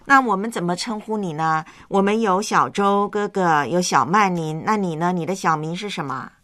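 A woman's voice: fairly low pitch, moderate pace, a bit bright, no room sound, clean studio sound. A woman hosting a live call-in, chatting with children in a coaxing, affectionate way. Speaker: radio call-in host. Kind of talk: live chat with child callers.

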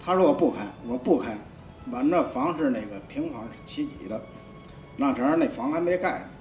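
A man in his 50s, a church member, gives a rambling, colloquial testimony full of repeats and restarts. He talks fast and animatedly in a fairly high voice with a darkish tone, recorded in a roomy, dull space with faint music.

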